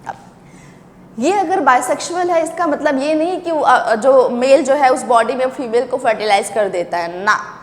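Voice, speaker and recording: A woman's voice: high voice, big-room sound, slight background noise. A woman teaching a biology lecture in a classroom, explaining step by step, asking the class questions and stretching out key terms. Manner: drawn-out emphasis on technical words, then bursts of quick speech. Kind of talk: classroom lecture mixing Hindi and English.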